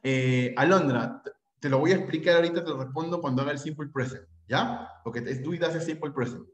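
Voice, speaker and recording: A man's voice: on the high side, fairly quick, reverberant. A man with a Peruvian Spanish accent teaching an English class to pre-university students, chatty and constantly checking in with his listeners. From Peru. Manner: chatty, checks in often with tag questions.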